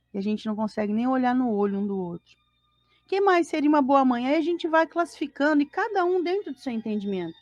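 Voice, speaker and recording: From her home, a Brazilian co-host of a live-streamed spiritist gospel study teaches in a relaxed, conversational way, her voice high-leaning and darkish, the recording dry. She throws rhetorical questions at listeners and performs small everyday scenes, complete with voices and sighs of dismay.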